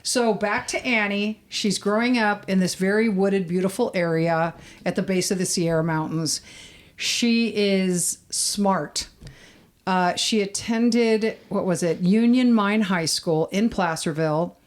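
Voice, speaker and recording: A woman's voice: mid-range voice, fairly even intonation, measured pace. A woman co-hosting a true-crime podcast, telling stories in a chatty, casual way with fillers. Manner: chatty storyteller, frequent fillers. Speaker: podcast co-host.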